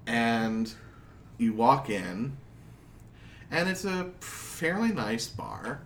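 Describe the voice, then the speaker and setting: Male game master, animated and bright, laughs at own jokes. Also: mid-range voice, extremely slow, a little hiss or hum. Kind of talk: narrating a tabletop game.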